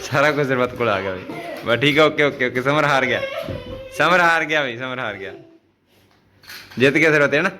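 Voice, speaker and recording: A man's voice: medium pitch, brisk, long pauses. A man hosting a casual family vlog, calling out items in a game and coaxing the children with repeated phrases. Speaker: vlogger running a family game.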